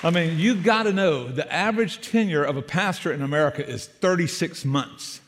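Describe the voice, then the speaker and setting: Older south georgia preacher guy, folksy, jokes a lot, kinda high voice, big church reverb. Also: animated, normal speed, background noise. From Savannah, Georgia. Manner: folksy, joking, calls for amens. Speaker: guest pastor. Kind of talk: sermon. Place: church sanctuary.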